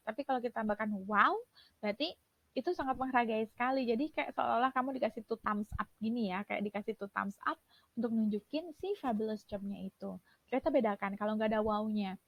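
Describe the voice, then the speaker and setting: A woman teaches an English class, chatting along and sprinkling in English phrases. Her voice sits a little high with a gravelly edge. The recording is dry and somewhat dull, lo-fi. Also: dry recording. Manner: chatty, mixes English into Indonesian, laughs at own slips. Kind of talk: recorded online class lecture.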